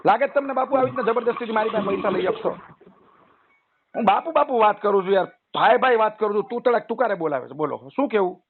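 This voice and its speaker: Heard over a tinny phone line with faint noise, a man with a high, breathy-edged voice talks fast and animatedly. As a loan customer on a recorded call, he makes his case at length, persuading, lecturing, and going on and on.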